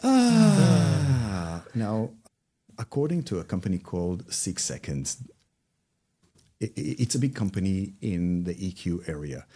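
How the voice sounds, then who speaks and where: Israeli-accented trainer guest, warm low voice, wide swinging pitch, slightly husky. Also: male voice, normal speed. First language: Hebrew. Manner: lively, swings pitch widely, acts out quotes. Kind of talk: animated storytelling in a podcast interview.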